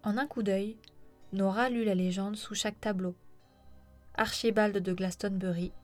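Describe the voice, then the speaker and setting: A woman narrates a novel in a steady, measured voice at a middle pitch. Her storytelling stays even and unhurried. Faint music sits quietly behind her. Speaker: audiobook narrator. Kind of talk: scripted narration.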